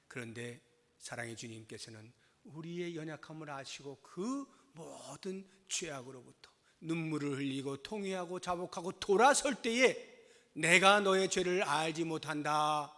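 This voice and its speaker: Bright-voiced pastor preaching in a reverberant church. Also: male voice, on the high side, expressive, moderate pace. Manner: emphatic, swings from hushed to loud. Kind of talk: sermon. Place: church sanctuary.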